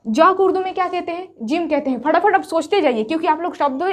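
High-voiced woman teaching Urdu patiently. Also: lively intonation. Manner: patient, repeats each point slowly. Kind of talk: step-by-step whiteboard lesson.

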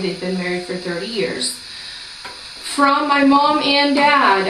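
A woman's voice: mid-range voice, fairly bright tone, a little hiss or hum. A Brazilian-born woman in her late twenties chatting casually to camera in a small room at home, rambling with lots of ums. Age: 20s. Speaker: vlogger. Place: small room indoors by a door. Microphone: camera across the room. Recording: roomy, distant home camera.

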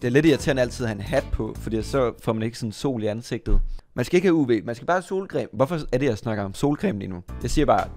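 A young man talks casually and playfully to his audience, wandering off topic and joking at his own expense. His voice sits in the middle of the male range, and soft music plays under it. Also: medium pitch, expressive. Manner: playful, rambling, self-mocking. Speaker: gaming YouTuber. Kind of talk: casual commentary to viewers.

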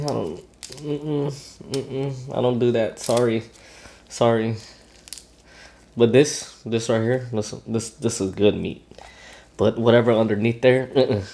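A man's voice: medium pitch, darkish tone. Man chatting between bites of food. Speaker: mukbang host. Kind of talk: casual talk while eating on camera.

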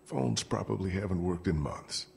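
An actor playing a weary, practical survivor in a video game, in a low-key, musing manner. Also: male voice, expressive, normal speed, vocal fry, a little mellow, slight background noise, exaggerated voice. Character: weary, practical male survivor searching for clues.

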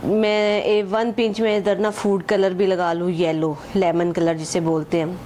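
Speaking a little slowly in a lowish, mellow voice with little pitch movement, this cooking channel host casually explains a home recipe one step at a time. Her Hindi-Urdu is sprinkled with English measures, and she repeatedly points things out with "acha ji" and "ye dekhen." A slight hiss or hum runs underneath.

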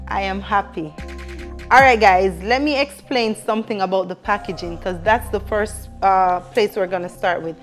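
A young woman vlogs from her home kitchen, her medium-pitched voice moving at a moderate pace over soft background music. Speaking into a clip-on lapel mic, she's chatty and upbeat, unboxing cookware and talking directly to her viewers in a casual product unboxing.

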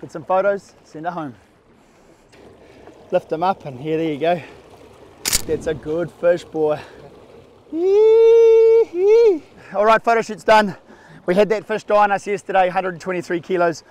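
A man in his forties with a New Zealand accent, hosting a fishing show from his boat, excited, whooping and swearing freely as he talks. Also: high voice, unhurried, pauses often. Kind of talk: casual on-the-water commentary. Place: outdoors on the deck of a small fishing boat at sea. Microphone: action camera mounted on the boat. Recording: wind and engine noise on open water.

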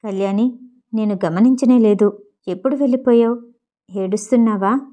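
A woman voicing a remorseful young man in an audiobook, speaking softly and apologetically. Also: fairly high pitch, moderate pace, lightly acted. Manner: soft, apologetic. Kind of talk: audiobook character voice.

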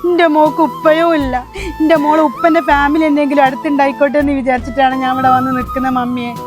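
A woman playing a poor young daughter-in-law who gently consoles her mother-in-law, over background music. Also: sits high, little pitch movement, fast, lightly acted. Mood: consoling. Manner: soothing, consoling. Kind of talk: amateur short-video drama. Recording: music clearly heard behind voice.

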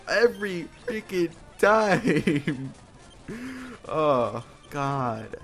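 Over video game music, a male video host gives laid-back gameplay commentary, joking at his own expense with informal talk and mild swearing. His fairly bright, high voice swings widely in pitch, and he speaks extremely slowly.

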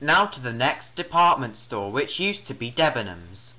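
A man's voice: medium pitch, big pitch swings, moderate pace. A man narrating a tour in a casual vlog style. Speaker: vlogger giving a tour of lifts. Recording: background noise, echoey inside lifts.

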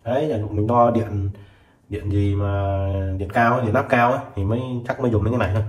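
Chatty man selling tools, sped-up echoey recording. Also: steady tone. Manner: chatty sales patter, addresses viewers as "các bác", fills every pause with "đấy", "đó". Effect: sped up to 1.2x, voice sounds higher. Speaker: seller of used measuring tools. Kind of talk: casual product demonstration. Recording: echoey room.

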